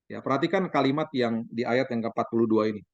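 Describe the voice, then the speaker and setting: A man in his forties, a pastor, preaching a sermon as lively stories, acting out the dialogue for the congregation. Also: mid-range voice, fast talker, no room sound. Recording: dull, dry sound.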